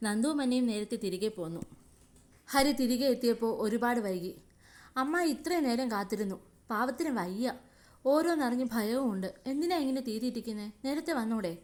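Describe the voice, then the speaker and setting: A woman storyteller narrating a romantic serial in a steady reading voice. She turns playful and chatty when she speaks to her listeners directly. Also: on the high side.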